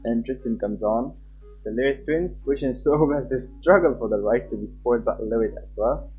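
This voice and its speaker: Slightly rough and darkish, a young man's medium-pitched voice moves at a moderate pace as he hosts a game livestream, reading the story aloud and chatting loosely with lots of repetition. A dull lo-fi mic records him alongside the game's music.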